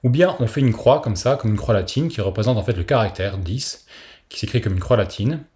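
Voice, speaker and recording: A man's voice: fairly low pitch, animated, fairly quick, warm tone. A man teaching a recorded language lesson, explaining patiently and modeling pronunciations for the listener to repeat.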